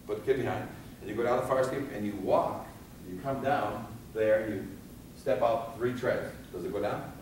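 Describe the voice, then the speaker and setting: A fire safety instructor gives a live training talk to firefighters in a voice on the low side. He repeatedly asks the room questions, answers them himself, and acts out scenes using different voices. The audio is echoey and distant, with some background noise.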